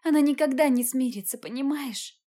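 A woman doing scared pleading young woman, high strained voice, mellow tone, audiobook drama. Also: a little fast, close to an everyday voice. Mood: frightened, upset. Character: young woman Katya, frightened, tearful, pleading.

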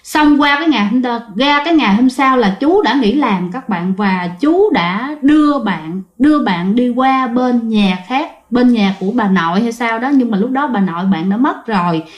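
Brief: woman, fairly high voice, chatty storyteller talking to listeners, roomy echo. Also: expressive, normal speed, few pauses. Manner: chatty, addresses listeners directly, many fillers. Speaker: ghost story teller. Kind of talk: conversational storytelling.

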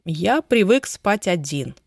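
A woman voicing a wealthy young husband, ardent but guarded, in a slow, low, even delivery. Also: no echo, clean studio sound, full character voice. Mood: low, measured.

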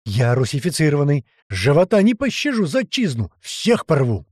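Storybook soldier in a panic, played by a man: high, loud, shouting. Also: huge pitch swings, normal speed, breathy edge, no room sound, clean studio sound, exaggerated voice. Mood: frantic yelling. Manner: yelling, high-pitched, alarmed. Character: frantic battle-crazed male soldier nicknamed Mamulya.

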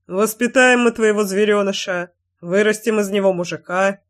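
A woman voicing a blunt, stubborn young village man in an audiobook, gruff and matter-of-fact, teasing at times. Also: mid-range voice, steady tone, normal speed, close to an everyday voice. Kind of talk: audiobook character voice.

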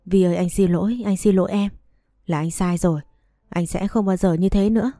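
Cheating young husband, drunk and slurring, read by a woman; low, dry, close. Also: fairly even intonation, brisk, mellow, dry recording, faint music behind, natural voice. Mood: apologetic. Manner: slurred, wheedling.

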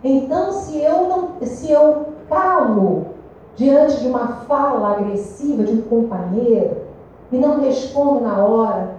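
A woman with a Brazilian Portuguese accent giving a lively spiritual talk to a meeting group, questioning her listeners. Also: sits high, a little slow, slight background noise. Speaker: speaker at a spiritist study meeting. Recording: echoey room, distant dull mic.

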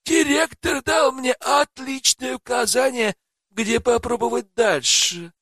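A man's voice: slow pace, vocal fry, sharp tone, no room sound, clean studio sound, exaggerated voice. A man doing a haughty young woman adventurer. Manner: purring, coquettish falsetto. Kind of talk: audiobook character voice.

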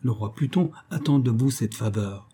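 A man voicing a smooth, possessive male king of the underworld who coaxes and boasts, in a storybook reading. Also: mid-range voice, moderate pace, warm tone. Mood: stern. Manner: coaxing, boastful, persuasive.

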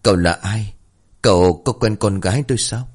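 A man's voice: fairly low pitch, normal speed, darkish tone, husky. A man voicing a distraught middle-aged mother who pleads urgently for news of her daughter. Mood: anxious.

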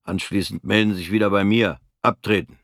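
A man's voice: on the low side, steady tone, brisk, fairly bright tone, no echo. A man voicing a weary army captain who gives clipped, dry commands. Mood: resigned.

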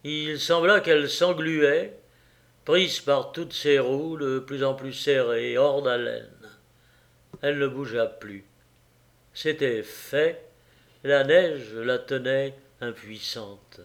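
A man reading a classic novel aloud as an audiobook, in a measured, deliberate way. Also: mid-range voice. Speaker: audiobook narrator.

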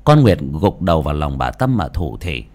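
A man narrating a dramatic audio story with sweeping, expressive delivery. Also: rumbling low, moderate pace.

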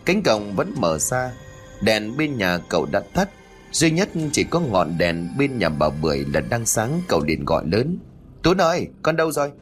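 Male narrator, low and lively, ghost story reading over faint music. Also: unhurried. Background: faint background music.

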